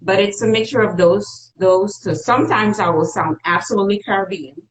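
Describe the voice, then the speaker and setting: A woman's voice: mid-range voice, moderate pace, low-quality recording. A woman in her forties from Suriname, Dutch by first language, with a Dutch accent, talking frankly and reflectively as an interview guest. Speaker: guest entrepreneur. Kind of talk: casual interview chat.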